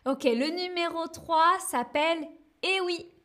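A woman teaching learners, speaking slowly and deliberately, repeating words and tagging phrases with little fillers. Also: very high-pitched, fairly bright tone. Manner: slow and deliberate, repeats words, frequent "hein" and "euh". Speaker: French teacher. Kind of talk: slow learner-friendly explanation.

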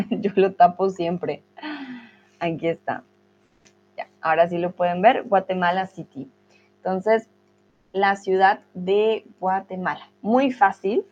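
A Colombian woman runs a live online class in a friendly, encouraging way. She speaks slowly and spells things out with care, at a mid pitch. The sound is dull and lo-fi, like a video call. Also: fairly even intonation, darkish tone, faint music behind. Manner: friendly, encouraging, slow and clear. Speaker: teacher.

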